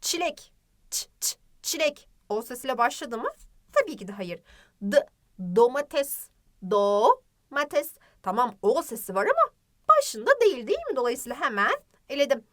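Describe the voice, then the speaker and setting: A young woman teaching a children's phonics lesson, drawing out words and asking the class questions in a lively, sing-song way. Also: high voice, a little fast. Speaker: primary school teacher.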